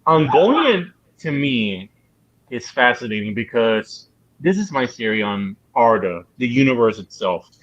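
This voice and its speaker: Excitable rambling man on a call. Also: medium pitch, measured pace, dry recording, dull audio. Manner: excitable, rambling, swears casually. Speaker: panelist. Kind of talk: casual group chat.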